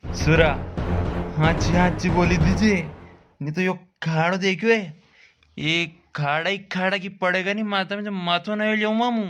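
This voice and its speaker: A man voicing a blunt village father who scolds his son in gruff rustic threats, with a Malvi accent. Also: high voice, fairly even intonation, normal speed, over music, natural voice. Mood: scolding.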